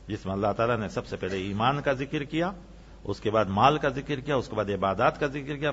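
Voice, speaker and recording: A man preaching a sermon with great passion, his pitch leaping up on emphatic phrases and sinking low again. The recording sounds dull and lo-fi, like an old lecture tape. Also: a bit bright. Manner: impassioned, rising to emphatic peaks then dropping low. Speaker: Islamic preacher.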